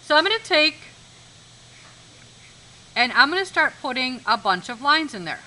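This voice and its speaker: A woman's voice: sits high, very animated, normal speed, sharp tone, poor audio. A woman art teacher giving a live demonstration lesson in a classroom, instructive, repeating key points and checking that students follow.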